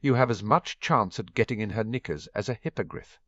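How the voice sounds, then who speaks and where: A man's voice: on the low side, fairly quick, no echo. Guy reading as a preachy young auror, strident, dull lo-fi audio. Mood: reproachful. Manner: strident, reprimanding. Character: young male Auror, dutiful and reproachful.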